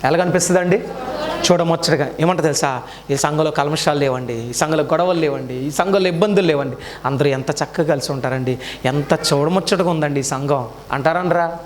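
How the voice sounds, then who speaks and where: High-voiced preaching man. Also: fairly quick, slight background noise. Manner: preaching with many rhetorical questions to the congregation; swings between loud raised calls and low quiet asides. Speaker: pastor. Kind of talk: sermon.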